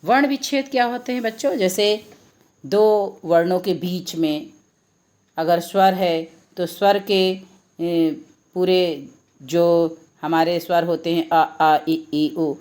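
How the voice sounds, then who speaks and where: Slow, low-voiced woman teaching Hindi. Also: steady tone, warm tone. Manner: slow, deliberate word-by-word reading of examples. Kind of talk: classroom lesson to children.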